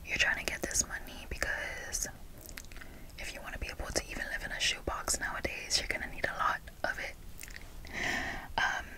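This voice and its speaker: A young woman with a Miami accent giving a whispered ASMR talk in a slow, deliberate way with repeated phrases, close to the microphone. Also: sharp tone, rough recording. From Miami, United States. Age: young adult. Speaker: ASMR video creator. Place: bedroom, indoors. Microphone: close fur-covered desk microphone.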